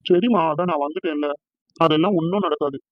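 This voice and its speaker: A man voicing a loving young fiancé in a cartoon, gentle and reassuring. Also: fairly high pitch, no echo, highs cut off, natural voice. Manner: gentle, reassuring, fast-talking. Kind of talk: cartoon voice acting.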